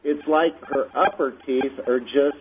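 A man calling in to a radio show, speaking hesitantly with many pauses and fillers. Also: medium pitch, fairly even intonation. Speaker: caller. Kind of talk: phone-in call. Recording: tinny phone line with faint noise.

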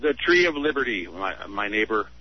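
A man's voice: on the low side, sing-song, moderate pace, over a noisy crowd. A man calling in to a radio talk show, making his point in a heated, indignant way. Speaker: radio caller. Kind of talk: call-in radio debate. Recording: dull lo-fi radio broadcast.

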